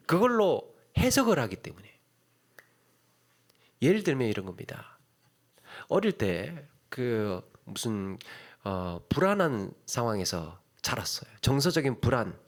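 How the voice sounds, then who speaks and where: A male pastor delivers a sermon in a church in an easy, conversational way, turning to the congregation with questions. His voice sits a little high and moves animatedly through a wide range, and he restates phrases as he builds a point.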